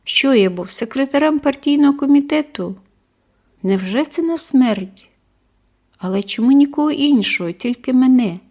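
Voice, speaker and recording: A woman narrating a first-person story as an audiobook reader, with a measured, expressive delivery. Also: high-pitched.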